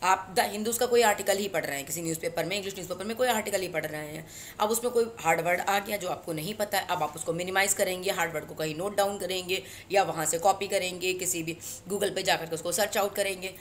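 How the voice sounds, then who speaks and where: A woman with an Indian accent teaching a spoken English lesson, switching between Hindi and English and slowing down for English phrases. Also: on the low side, slight background noise. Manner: mixes Hindi and English, slow deliberate English phrases.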